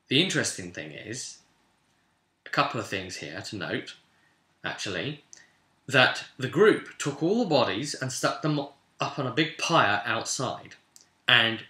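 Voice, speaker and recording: Hosting a tabletop roleplay recap series, a game master casually retells a fantasy session like a lively storyteller, voicing characters' lines and speaking directly to his listeners. His voice is medium in pitch, and the recording sounds echoey and roomy.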